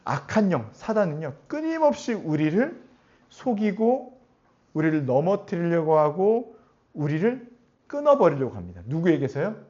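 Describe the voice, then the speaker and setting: A man preaching a sermon as pastor, animated and often putting questions to his congregation. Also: a little high, normal speed. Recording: dull lo-fi recording.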